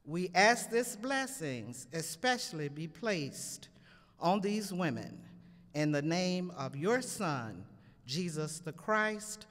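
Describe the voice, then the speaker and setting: Woman, solemn invocation, very slow, lively rising and falling pitch, long hall reverb. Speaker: invocation speaker. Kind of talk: public prayer. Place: banquet hall at a luncheon ceremony.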